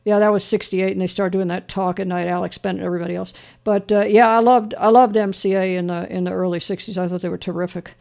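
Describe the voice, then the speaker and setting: A man's voice: sits high, steady tone, fast talker, gravelly, darkish tone. A man hosting a call-in radio show, chatting casually with a caller about old songs, joking and rambling with dry asides. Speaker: radio host.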